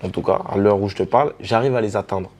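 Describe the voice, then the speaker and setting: A man from the French Caribbean, a DJ and artist telling stories in a relaxed interview, with many fillers and restarts. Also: fairly low pitch, fast. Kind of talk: casual storytelling interview.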